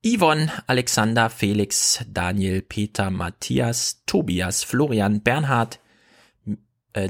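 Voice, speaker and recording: A man hosting a podcast in casual chat, reading out listener donations with wry, quick asides. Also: fairly low pitch, gravelly, fairly bright tone. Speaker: podcast host.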